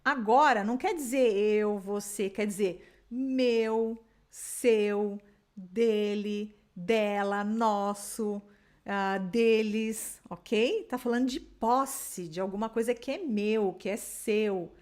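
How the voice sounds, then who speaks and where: A woman from Brazil teaching an English lesson in Portuguese, patiently drilling words slowly for the listener to repeat. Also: mid-range voice, darkish tone. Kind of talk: online language lesson.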